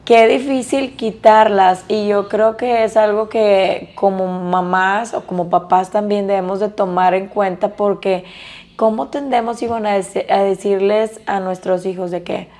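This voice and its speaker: A woman's voice: medium pitch, fairly even intonation, unhurried, a little mellow. A woman in her thirties hosting a casual podcast interview, talking in an empathetic, conversational way. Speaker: podcast host.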